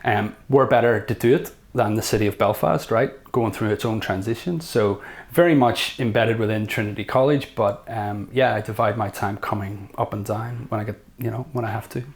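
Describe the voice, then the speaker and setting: A middle-aged man with a Northern Irish accent, a guest academic talking in an interview, thoughtful and reflective, often pausing and restating his points. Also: lowish voice. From Northern Ireland. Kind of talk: conversational interview.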